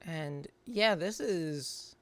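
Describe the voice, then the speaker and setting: A woman's voice: low-pitched, animated, extremely slow, fairly bright tone, no room sound. A woman hosting a game stream in a casual, rambling, conversational way. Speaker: streamer hosting a morning show. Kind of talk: casual gaming stream commentary, reading game dialogue aloud. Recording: music playing behind the voice. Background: background music.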